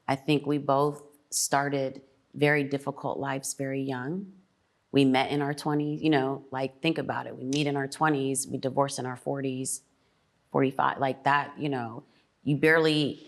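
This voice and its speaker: Deep-voiced reflective middle-aged woman. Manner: reflective, pauses with ums. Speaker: mother, podcast guest. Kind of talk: emotional family conversation.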